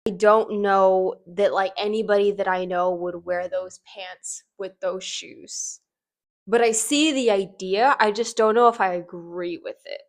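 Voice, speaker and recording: A woman's voice: mid-range voice, fairly even intonation, a little slow. A woman with a mid-range voice hosts casual fashion commentary. She talks in a chatty, informal way, offering personal opinions and often dropping "like" into her sentences. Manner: informal, conversational, frequent "like" as emphasis.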